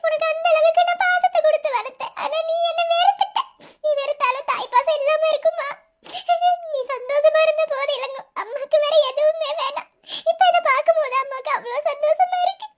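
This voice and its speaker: A woman voicing a tender, grieving foster mother in a cartoon, with a Madurai Tamil accent, speaking softly and tearfully, laughing through her sorrow. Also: very high voice, fairly even intonation, brisk, dull audio. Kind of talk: cartoon voice acting.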